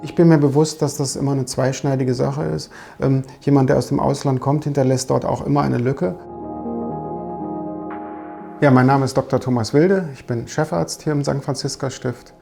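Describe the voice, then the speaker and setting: Gravelly, dark-voiced man. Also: mid-range voice, fairly even intonation, faint music behind. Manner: measured, with frequent hesitation fillers. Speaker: chief physician. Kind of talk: documentary interview.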